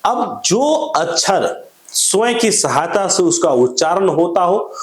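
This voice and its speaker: A man teaches a grammar lesson in a lively, up-and-down voice that sits a little high. He keeps asking questions and answering them himself, going over each point again. The sound is roomy and echoey. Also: slow. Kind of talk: classroom-style grammar lesson. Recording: echoey room.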